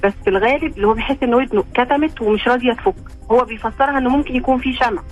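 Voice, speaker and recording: A woman's voice: fairly high pitch, very fast, lo-fi sound, faint music behind. A female doctor with an Egyptian Arabic accent, giving explanations as a radio guest and checking that her listener follows along. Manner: explanatory, checks understanding with "okay?".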